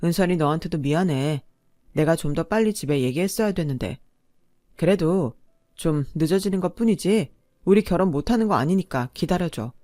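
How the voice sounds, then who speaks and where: A woman voicing a gentle, meek young man who pleads softly and avoids conflict. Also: lowish voice, lively intonation, moderate pace, no room sound, studio quality, lightly acted. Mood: apologetic. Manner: soft-spoken, pleading.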